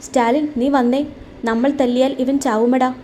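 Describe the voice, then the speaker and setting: A woman voicing a level-headed young man who urges his angry friend to calm down. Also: high-pitched, moderate pace, slight background noise, lightly acted. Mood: urging.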